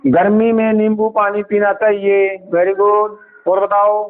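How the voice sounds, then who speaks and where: A male primary school teacher gives a Hindi lesson in a classroom. He speaks patiently and coaxingly, repeating words and sounding them out slowly for the children. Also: high-pitched, monotone. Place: village government school classroom. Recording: tinny phone-like sound with faint noise.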